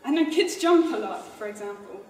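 A woman performance artist speaking to a live audience on stage, halting and informal, explaining instructions slowly. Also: medium pitch, expressive. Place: stage in a hall before an audience. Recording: echoey hall recorded from far off.

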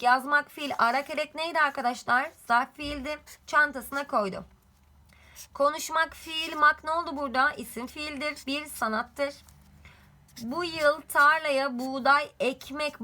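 A woman's voice: high-pitched, sharp tone. A woman teaching a grammar lesson, quizzing the class with repeated questions.

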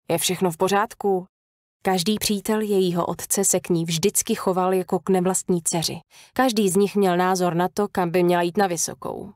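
A woman narrating a thriller audiobook in a measured, even storytelling voice. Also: fairly low pitch, no echo, studio quality.

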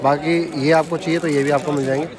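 A man's voice: a little high, level tone, fast. A young man vlogging through a busy street market, asking vendors for prices and repeating them to his viewers. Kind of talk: casual walkaround vlog. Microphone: handheld camera, point of view and selfie. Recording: outdoor market crowd noise. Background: crowd chatter.

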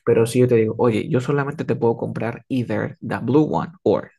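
A man's voice: medium pitch, moderate pace, gravelly, warm tone, breathy edge, muffled recording. Patient man teaching a class. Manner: patient, checks understanding often; acts out examples with switching voices. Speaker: English teacher. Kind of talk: live class explanation.

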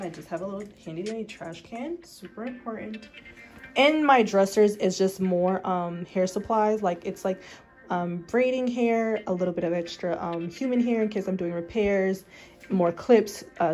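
A woman's voice: mid-range voice, darkish tone. Chatty young woman touring her salon. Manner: chatty, addresses viewers as guys, many fillers. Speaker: loctician giving a salon tour. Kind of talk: casual vlog walkthrough. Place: small home salon room, indoors.

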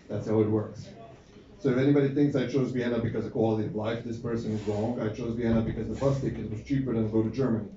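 A man in his thirties from Serbia with a Serbian accent, doing a dry, deadpan stand-up comedy set on a small club stage. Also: medium pitch, background noise. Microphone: handheld mic, filmed from the audience. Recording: echoey, muffled club audio from far off. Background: audience laughter.

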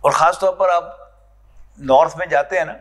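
Man, Pakistani Urdu accent, lecturer, somewhat high pitch, questioning students. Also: moderate pace, fairly bright tone. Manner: explaining, asks the class questions. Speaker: Quran lecturer. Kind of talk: classroom lecture. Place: lecture hall.

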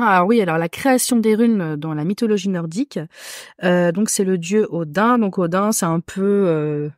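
A woman's voice: fairly low pitch, a little mellow, no echo. Hesitant woman rune reader, dry close mic. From Corsica, France. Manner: hesitant, many filler pauses. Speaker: podcast guest, rune reader. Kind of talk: casual chat.

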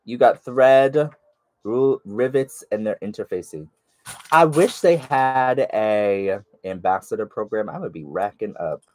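A man's voice: fairly low pitch, expressive, a little slow, darkish tone. A man with a stuffy nose, chatting casually to viewers while he sews along. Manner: chatty, talks to viewers by name while working. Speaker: sewing vlogger. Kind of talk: casual sew-along chat.

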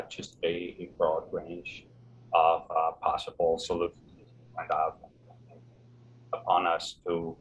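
A man answering questions remotely in a halting way with many ums and uhs, his voice breaking up over an online stream. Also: low-pitched. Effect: breaking-up online stream audio. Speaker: conference speaker answering questions. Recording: dull lo-fi stream with faint noise.

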